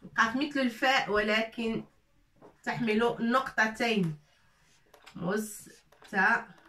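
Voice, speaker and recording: A woman teaching a lesson in French, slowly drilling syllables as she writes on a board. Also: fairly high pitch, expressive, sharp tone. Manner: slow, repetitive, drilling syllables. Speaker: Arabic teacher. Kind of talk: casual classroom lesson, writing on a board. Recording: echoey room, mic at a distance.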